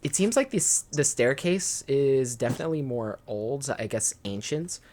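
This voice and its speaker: Young female game master with a strikingly low, expressive voice, chatty and organizing. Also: moderate pace. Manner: chatty, organizing players with frequent "um"s. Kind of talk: running a tabletop game over voice chat.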